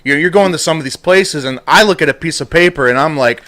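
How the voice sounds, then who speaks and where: A man's voice: fairly high pitch, fast talker, sharp tone. A man co-hosting an interview, asking questions in a casual, rambling, self-deprecating way. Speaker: interview co-host.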